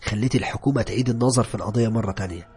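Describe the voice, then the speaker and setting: A man voicing a friendly, joking young male colleague with an Egyptian accent, teasing and loud. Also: lowish voice, very fast, breathy edge, soft background music. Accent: Egyptian Arabic.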